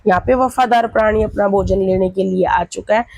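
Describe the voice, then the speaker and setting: A woman's voice: mid-range voice, brisk, vocal fry, a little mellow, no room sound, rough recording. A woman, feeling feverish and unwell, chatting through a vlog and retelling her family's talk. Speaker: vlogger. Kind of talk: casual vlog narration.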